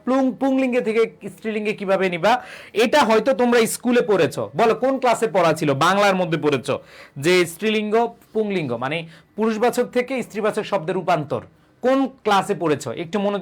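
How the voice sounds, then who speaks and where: A young man with a rather high voice runs a live-streamed grammar lesson. He keeps asking the class a question and answering it himself, and he reads out viewers' comments between points. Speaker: online English tutor.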